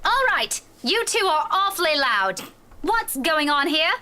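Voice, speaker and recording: A woman's voice: high-pitched, big pitch swings, unhurried, bright, forceful tone, slight background noise, exaggerated voice. A woman playing an annoyed, firm young woman in a visual novel game.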